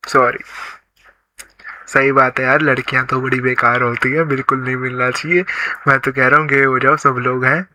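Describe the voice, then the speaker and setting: A man's voice: mid-range voice, flat delivery, moderate pace, pushed and bright. A man hosting a reaction video, firing off sarcastic, mocking remarks. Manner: mocking, sarcastic asides mixed with laughter.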